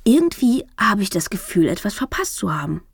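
A woman voicing a mild, kindly older father who speaks gently and a bit muddled. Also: medium pitch, very animated, brisk, vocal fry, slightly rough, no room sound, clean studio sound, full character voice.

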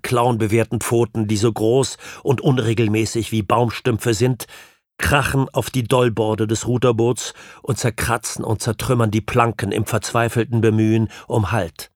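A male audiobook narrator with a low voice, reading a novel in measured, even storytelling. The sound is close and dry, with no room around it. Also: no room sound. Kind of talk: scripted literary narration.

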